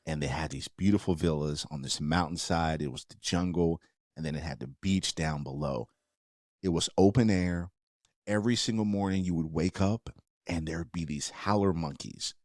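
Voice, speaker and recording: Deep-voiced, relaxed male podcast host. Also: moderate pace, no echo, clean studio sound. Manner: relaxed, playful interviewer. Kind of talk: casual chat.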